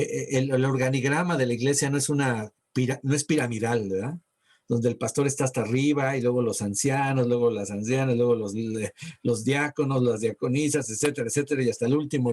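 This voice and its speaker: A man giving a sermon as pastor, talking conversationally and slowing down when he reads verses aloud. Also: medium pitch, a little mellow, breathy edge. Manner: conversational preaching, slows to read verses. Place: church.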